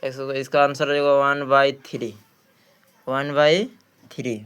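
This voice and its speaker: Here a Bihari-accented man goes through exam questions in a maths practice lesson, repeating phrases and supplying answers to his own questions. His medium-pitched voice is fairly bright and clean, delivered flatly and a little slowly.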